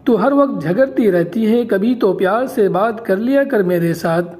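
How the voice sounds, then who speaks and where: Woman reading a weary, gentle village husband. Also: mid-range voice, animated, lightly acted. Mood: pleading.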